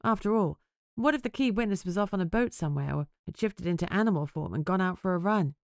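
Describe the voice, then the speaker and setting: A woman narrates as a sardonic young vampire journalist, anxious under her jokes. The voice sits a little low and steady, and the storybook reading is close and dry with no room around it. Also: quick pace, no echo. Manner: sarcastic, self-mocking. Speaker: audiobook narrator. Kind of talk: first-person audiobook narration.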